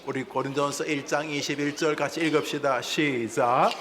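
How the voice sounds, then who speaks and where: A man's voice: fairly high pitch, fairly even intonation, moderate pace, background noise. A man preaching a sermon as senior pastor, leading the congregation in call-and-response and having them repeat phrases. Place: church sanctuary. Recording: reverberant church hall.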